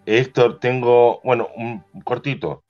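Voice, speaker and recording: A man's voice: mid-range voice, fairly even intonation, slow pace, soft background music. Host guy telling a story, rambles and backtracks, dull lo-fi audio. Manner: rambling storyteller with self-corrections. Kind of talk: casual chat.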